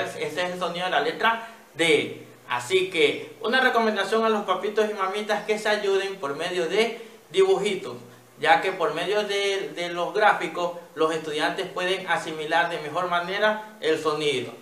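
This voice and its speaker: A man teacher giving a children's reading lesson, patiently sounding out words slowly and checking in with "¿ya?". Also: a little high, sharp tone, reverberant.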